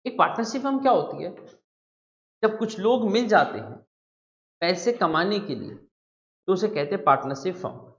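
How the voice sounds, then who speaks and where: A woman's voice: mid-range voice, expressive, moderate pace, pauses often. A woman lecturing on tax law to a live class, constantly asking questions back and repeating the key terms. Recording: echoey room, dull lo-fi sound.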